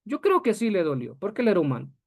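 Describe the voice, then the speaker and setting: A man's voice: high-pitched, huge pitch swings, fast talker, darkish tone. A male pastor teaching church history to his congregation in an earnest way, often calling the listeners beloved brethren. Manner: earnest, addresses listeners as beloved brethren, acts out quoted voices.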